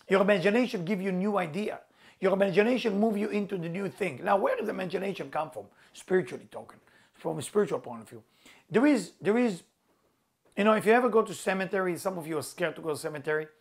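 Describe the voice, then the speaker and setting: High-voiced with noticeable vocal fry, a middle-aged man gives an earnest spiritual motivational talk. He is a spiritual teacher whose first language is Hebrew, and he repeats key words emphatically in non-native phrasing.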